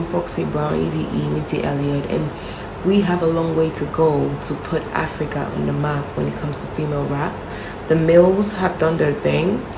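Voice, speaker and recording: A young woman from Nigeria, a rapper, answering interview questions in a steady, reflective way that becomes emphatic on strong opinions. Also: deep voice, vocal fry, noisy background. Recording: roomy echo with faint background ambience.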